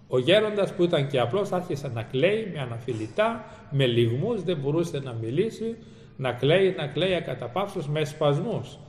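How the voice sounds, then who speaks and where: A man's voice: on the high side, slight background noise. A man preaching and retelling a story dramatically, using formal church phrasing. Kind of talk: sermon storytelling. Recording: echoey hall with faint ambience.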